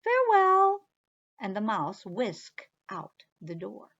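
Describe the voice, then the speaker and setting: A woman's voice: medium pitch, very animated, unhurried, creaky, lo-fi sound. A woman librarian reading a picture book aloud expressively for children, stopping to talk to them directly.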